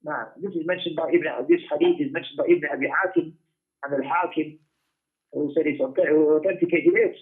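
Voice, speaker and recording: Speaking briskly in a slightly high voice, a teacher delivers an emphatic Islamic lesson, reading texts in Arabic and explaining them in English while repeating key phrases. The sound is thin and tinny, like a phone-recorded radio lecture.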